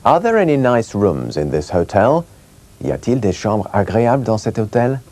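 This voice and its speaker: A man teaching English in a scripted lesson, drilling words slowly and clearly. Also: fairly low pitch, very animated, a little mellow. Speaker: language teacher.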